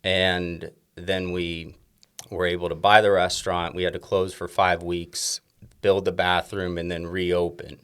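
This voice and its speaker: A man with a very low voice tells stories from his kitchen in a relaxed podcast interview. He rambles, circles back and restarts his sentences. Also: a little slow, clean tone. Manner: rambling storyteller with many restarts and fillers. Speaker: chef and restaurant owner.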